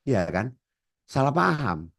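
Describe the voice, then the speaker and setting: A hypnotherapy trainer lectures his class slowly in a creaky, medium-pitched voice with big pitch swings. He often speaks to the listeners directly, calling them ladies and gentlemen, and asks rhetorical questions that he then answers himself.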